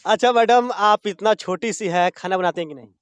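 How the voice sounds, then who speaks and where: High-voiced chatty male interviewer. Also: a little fast, clear, resonant tone, dry recording. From Bihar. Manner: chatty, prompting with many short fillers. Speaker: news channel interviewer. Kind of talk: casual on-location interview.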